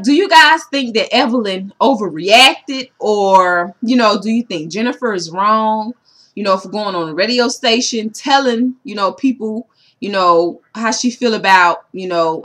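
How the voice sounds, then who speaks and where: A woman's voice: mid-range voice, sharp tone. A woman in a casual vlog, recapping a reality show episode for her viewers and saying "you know" constantly. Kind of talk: casual chat to camera.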